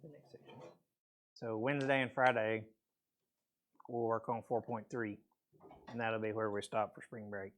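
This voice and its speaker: A man's voice: fairly low pitch, flat delivery, moderate pace, long pauses, fairly bright tone, a little hiss or hum. A man teaching a math class, explaining step by step in a casual way with frequent okays, his voice a bit weak and a peppermint in his mouth. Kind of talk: classroom lecture.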